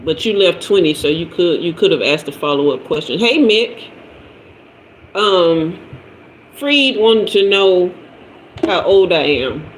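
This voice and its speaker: Reading viewer comments on her tarot livestream, a woman in her fifties chats in a loose, slangy, conversational way. She speaks a little slowly with long pauses, in a fairly low voice with lively intonation, and the audio has a roomy echo and faint noise.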